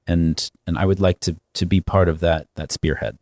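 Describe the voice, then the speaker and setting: A man with a fairly low voice co-hosts a casual podcast chat. He talks in an earnest, thoughtful way, often pausing on ums. The sound is close and dry. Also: fairly even intonation, darkish tone, no echo. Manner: earnest and reflective, with frequent ums. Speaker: podcast co-host.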